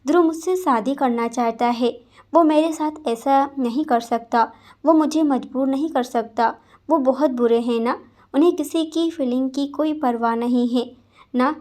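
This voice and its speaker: A woman's voice: sits high, measured pace, darkish tone. A woman voicing an angry, tearful young female student who argues and pleads. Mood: defiant. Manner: defiant, pleading.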